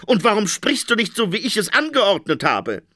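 A flustered, henpecked king whines and sighs in a bright, swooping voice, as a male storyteller puts him on. He jumps between indignant squeaks and drawn-out moans, comic storybook style. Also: huge pitch swings, dry recording, studio quality, exaggerated voice. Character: henpecked whiny king, middle-aged man.

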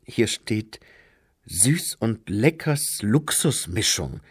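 A bewildered young man, earnest and full of questions, voiced close to the reader's own tone by a man reading an audiobook. The delivery is slow and husky with lively pitch movement, in a dry close recording. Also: dry recording, exaggerated voice.

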